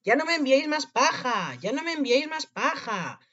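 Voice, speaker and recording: A man voicing a tiny clever boy in a storybook, bold and cheeky, often shouting in a high voice on a dull lo-fi recording. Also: animated, brisk, heavy reverb, long reverb tail, recorded from a distance.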